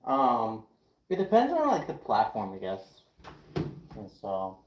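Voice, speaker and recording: With a fairly low voice, huge pitch swings, and a measured pace, a young man, Ukrainian/Russian by first language, chats with his stream audience while cooking in his home kitchen. He rambles between tasks and responds to chat as he works. The lo-fi audio carries kitchen echo and faint noise.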